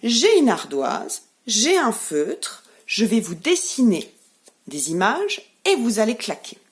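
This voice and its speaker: Leading little ones through clapping syllables in a remote class, this French-accented woman speaks gently and enunciates each word clearly. Her slightly high voice swoops wildly in pitch, and she talks slowly.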